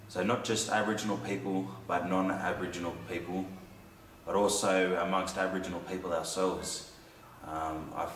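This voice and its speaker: A man's voice: low-pitched, fairly bright tone, slight background noise. A man giving a reflective interview answer, hesitant with fillers. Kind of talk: casual spoken interview answer. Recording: roomy, distant mic.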